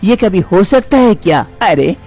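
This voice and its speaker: A woman's voice: mid-range voice, animated, a little slow, warm tone, soft background music. A woman voicing a stern mother-in-law in a storybook tale, who talks in a bossy, scolding way. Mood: puzzled. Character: stern mother-in-law, harsh to her bride, doting on her cow.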